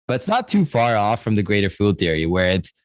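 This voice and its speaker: A man co-hosting a podcast, asking questions in a relaxed way and laughing along with his guests. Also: lowish voice, fairly quick, dry recording. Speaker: podcast co-host. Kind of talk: casual interview chat.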